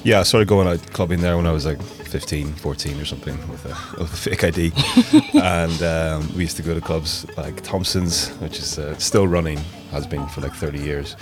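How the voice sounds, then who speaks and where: With a bass voice and a moderate pace, this Northern Irish DJ and producer from Belfast, in his thirties, barely pauses as he chats in an interview. His casual, rambling talk is full of fillers, and music runs underneath.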